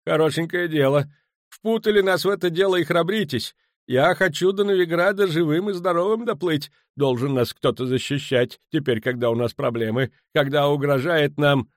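A man voicing a frightened, pleading merchant who turns shrill and high-strung. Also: moderate pace, no room sound, studio quality, natural voice. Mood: panicky.

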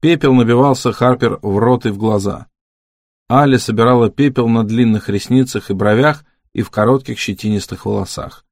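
Brief: male audiobook narrator, measured and steady, mid-pitched, dry studio sound. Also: no echo. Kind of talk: scripted narration.

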